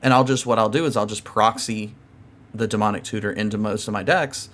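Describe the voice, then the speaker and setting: A man's voice: on the low side, fairly even intonation, brisk, fairly bright tone. A man hosting a podcast, chatting casually and rambling with lots of fillers and restarts. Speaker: podcast host. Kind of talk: casual chat about card games.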